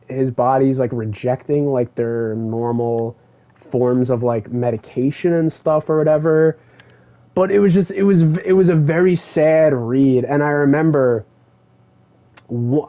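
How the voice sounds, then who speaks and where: While gaming on stream, a man with a slightly high, warm voice chats casually, rambling through a story packed with fillers. The stream mic gives a dull, lo-fi sound.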